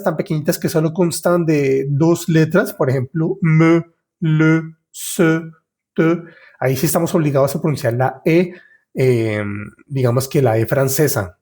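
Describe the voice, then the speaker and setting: A male teacher records a podcast lesson in a mellow, somewhat dark voice at a middle pitch for a man. He explains patiently, step by step, and says example words slowly and more than once. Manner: addresses the listener as a student. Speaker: French teacher.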